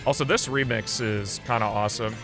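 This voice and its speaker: With game music in the background, a man who streams and hosts video games rambles through casual live commentary, thinking out loud as he plays. His mid-range voice stays steady and a bit bright, and he talks a little fast.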